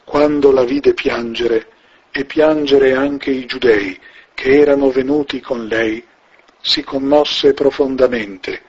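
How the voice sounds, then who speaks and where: A man reads scripture in a solemn, measured way, very slowly and with a husky voice. His pitch sits in the middle range. The sound is dull and muffled, like an old radio broadcast. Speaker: scripture reader.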